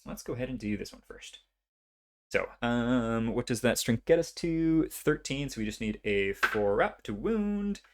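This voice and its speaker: A man's voice: medium pitch, animated, unhurried, noisy background. A young man casually narrating his own turns in a solo tabletop board game, thinking aloud and counting dice as he goes.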